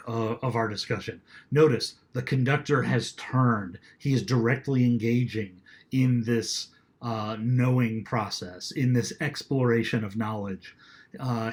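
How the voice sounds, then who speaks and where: A man's voice: medium pitch, unhurried. A man teaching a recorded class lecture in a conversational way, now and then reading quoted lines aloud with dramatic flair.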